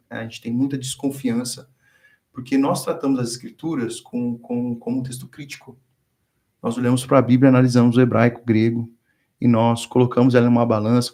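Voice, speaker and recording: A man from Brazil speaks in a relaxed, conversational teaching style. He tells anecdotes and acts out the voices of the people in them. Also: mid-range voice, vocal fry. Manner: storytelling, acts out quoted dialogue. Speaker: guest speaker on theology.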